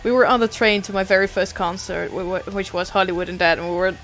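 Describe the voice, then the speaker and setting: A woman's voice: medium pitch, steady tone, fast, fairly bright tone, faint music behind. A young adult woman streamer chatting casually, rambling and self-deprecating, swearing now and then.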